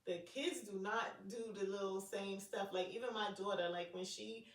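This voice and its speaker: A woman's voice: mid-range voice, fairly even intonation, moderate pace. A middle-aged woman co-hosting a podcast about parenting grown children, chatting casually with sarcastic asides and loose slang. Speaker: podcast co-host. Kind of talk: casual chat. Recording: echoey room, mic at a distance.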